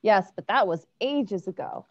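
A tall pine tree in a storybook, mildly skeptical and unhurried, read by a woman with an animated lilt. The sound is a touch lo-fi. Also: mid-range voice, dry recording.

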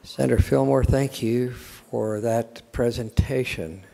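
American guy running a senate session, kinda informal, fry in his voice, echoey hall. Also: mid-range voice, fairly even intonation, slow, warm tone. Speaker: senate president chairing the session. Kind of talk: informal parliamentary chairing. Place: large indoor legislative chamber. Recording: reverberant large chamber.

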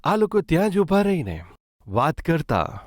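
A man preaches a sermon in a fairly high voice. He builds earnest emphasis and turns often to his listeners. The sound is dry and close, with no room echo. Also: huge pitch swings, unhurried. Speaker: pastor.

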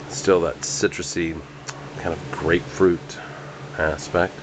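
Filmed on a handheld camera, a man gives a relaxed, rambling walkthrough of his basement winemaking setup at home, hesitant and full of fillers. His deep voice moves slowly, and the noisy camcorder audio picks up fan and air conditioning hum.

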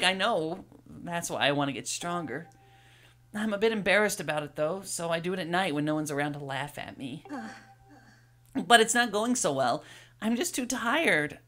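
A woman's voice: lowish voice, fairly bright tone. A woman reading out a video game's timid young man who is too weak to lift a barrel and is training to get stronger. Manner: breathless, bashful, then bubbly and grateful. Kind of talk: reading video game dialogue aloud.

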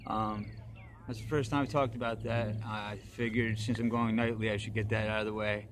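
A man's voice: fairly low pitch, level tone, moderate pace, background noise. A man hosting his own vlog outdoors at dusk, rambling hesitantly with many fillers and dry, joking asides. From northeastern United States. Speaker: vlog host. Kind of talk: rambling casual monologue.

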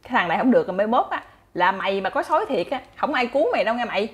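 A woman with a Southern Vietnamese accent, chatty and animated, telling folk stories to her listeners as a channel host. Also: medium pitch, rapid-fire. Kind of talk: casual folk storytelling.

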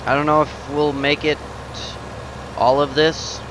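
Speaking in a fairly high, level voice at a measured pace, a young man casually comments on the game he's playing for his gaming channel. He tends to ramble, talk to himself, and get surprised, with a slight sniffle from a runny nose. The let's-play was captured on a headset at his indoor home setup, and the recording is noisy.

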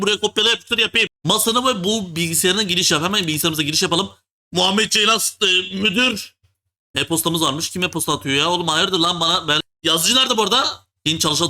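A man hosting a gaming video, joking and teasing as he plays, full of slang and often dropping into a low mock voice. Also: sharp tone. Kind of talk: joking let's-play commentary.

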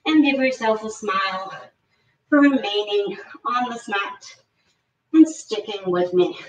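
A woman fitness instructor leading a live workout, giving energetic, encouraging cues and counting reps, a little out of breath. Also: mid-range voice, unhurried. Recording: roomy, distant, dull lo-fi sound.

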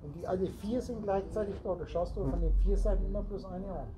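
A man's voice: sits high, fast talker, background noise. A man lecturing a small group as a spiritual teacher, rambling and playing on the roots of words while speaking straight to his listeners. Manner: rambling, wordplay on word roots, addresses listeners directly. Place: meeting room with a small group. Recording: recorded amid a chattering group.

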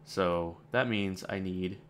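A man with a fairly low voice provides relaxed let's-play commentary as he plays a game, thinking aloud in a loose, rambling way with dry, sarcastic asides. He speaks slowly, and there's a little hiss or hum in the audio.

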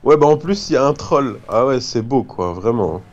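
A gamer jokes around casually with a friend while playing a video game. His medium-pitched voice is animated and moderately paced, though the recording is muffled.

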